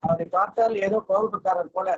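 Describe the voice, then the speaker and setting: A man giving a formal, measured commemorative speech at an online event. His audio keeps breaking up because of a bad internet connection. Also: steady tone, crowd noise. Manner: measured, oratorical delivery. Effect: breaking-up audio over a bad internet connection. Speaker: guest speaker at an online event. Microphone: video call. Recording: muffled, low-bandwidth video call audio.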